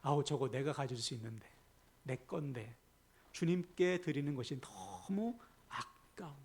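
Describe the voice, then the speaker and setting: A man's voice: a little high, measured pace, vocal fry, a little mellow, breathy edge, exaggerated voice. A male pastor briefly voicing a grudging, scornful disciple who grumbles bluntly about waste. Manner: blunt, scolding street talk.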